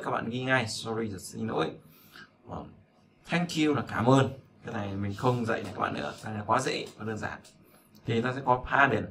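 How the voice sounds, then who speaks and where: A man's voice: mid-range voice, creaky, bright, forceful tone, a little hiss or hum. A man from Vietnam, teaching English in a chatty way, repeating words and checking that learners follow. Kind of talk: casual spoken lesson.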